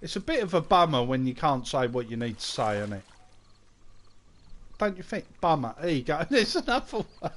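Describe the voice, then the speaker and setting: A man's voice: mid-range voice, lively intonation, normal speed, pauses often. A man chatting casually with viewers on a game live stream, laughing often at his own jokes. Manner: chats with viewers, reading their comments aloud.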